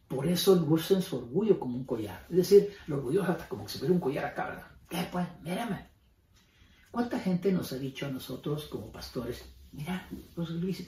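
A man's voice: a little high, gravelly, a little mellow. A man, a pastor, preaching a sermon with rhetorical questions and voices of imagined listeners. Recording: roomy sound from a distance off the mic.

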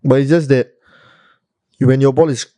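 A man's voice: medium pitch, fairly even intonation, normal speed, warm tone, dry recording. A man with a Malaysian or Singaporean English accent, bantering casually as a podcast co-host in Malay-English slang full of lah and ah.

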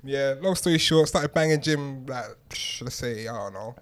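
A man's voice: mid-range voice, moderate pace. A man in his twenties with a South London accent, telling stories casually on a group podcast with lots of slang, swearing and joking. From South London, England. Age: 20s. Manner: slangy, sweary, jokey storytelling. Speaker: podcast regular.

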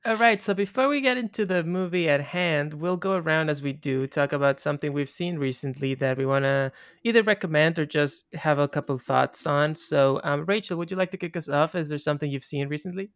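A man's voice: fairly high pitch, brisk, a bit bright, clean tone, dry recording, studio quality. A man hosting a podcast in casual chat, introducing his co-host and guests in a friendly way.

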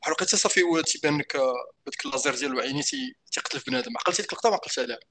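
Co-hosting a laid-back podcast conversation, this Moroccan-accented man rambles and keeps starting his sentences over. He speaks rapid-fire and animated, with a somewhat high, slightly bright voice, and faint noise sits in the background.

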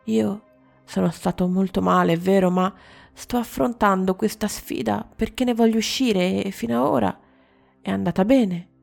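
A woman's voice: mid-range voice, normal speed, creaky, a little mellow, faint music behind. A woman voicing a grieving but determined prince in a storybook, speaking earnestly and with emotion.

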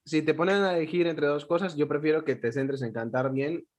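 A man's voice: fairly high pitch, steady tone, brisk, darkish tone. A man hosting a casual interview, chatty and affirming with his guest. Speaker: podcast host.

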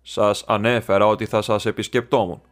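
Imposing masked nobleman, formal and secretive, lowish voice; a male audiobook reader plays him. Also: little pitch movement, faint music behind, lightly acted. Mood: grave, secretive. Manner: formal, stately, measured speech.

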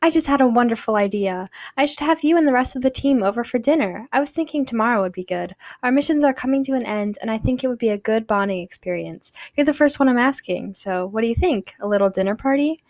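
A woman's voice: fairly high pitch, animated, fast, few pauses, a little mellow, no room sound, studio quality. Woman reading as a cheery, eager young woman. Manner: eager, friendly. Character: cheery upbeat woman team member.

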